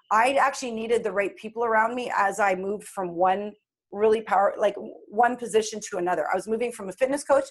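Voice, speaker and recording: Brief: woman, late forties, coach telling her story, earnest and reflective, mid-pitched voice. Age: 40s. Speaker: guest coach. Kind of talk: casual interview chat.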